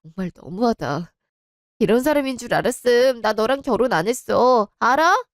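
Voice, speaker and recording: A woman's voice: on the high side, expressive, moderate pace, no echo, clean studio sound. Woman voicing a distraught young wife. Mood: indignant. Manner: pleading, emotional.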